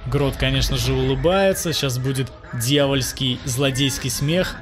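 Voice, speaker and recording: A young man gives casual, slangy Let's Play commentary on a mobile fighting game, narrating and paraphrasing the cutscenes informally. He speaks at a normal speed in a mid-range voice over music.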